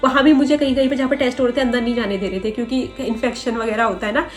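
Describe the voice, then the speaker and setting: Young woman vlogger, higher voice, earnest, rambling personal storytelling. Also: steady tone, very fast, soft background music.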